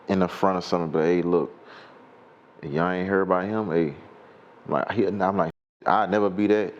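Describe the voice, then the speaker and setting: Deep gravelly Louisiana man, casual storytelling. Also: muffled recording, a little hiss or hum. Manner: animated, jumps into high-pitched quoted voices. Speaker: rapper guest.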